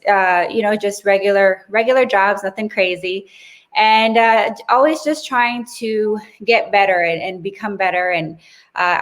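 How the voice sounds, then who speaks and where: A woman's voice: mid-range voice, fairly bright tone. A Brazilian-born woman in her thirties who grew up in South Florida, a guest in an interview, telling her story chattily with frequent restarts and easy laughter. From Brazil, raised in South Florida. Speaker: guest expert.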